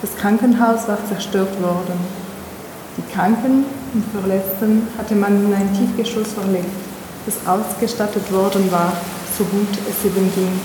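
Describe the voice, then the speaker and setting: Woman reading prose calmly, roomy echoing hall, clear background noise. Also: medium pitch, unhurried. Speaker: author reading aloud. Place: museum event space.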